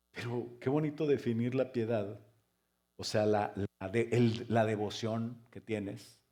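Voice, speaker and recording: A man preaching a sermon as pastor, firing rhetorical questions and joking asides, now loud and emphatic, now quiet. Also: fairly low pitch. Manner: swings between loud emphatic stress and soft quiet stretches.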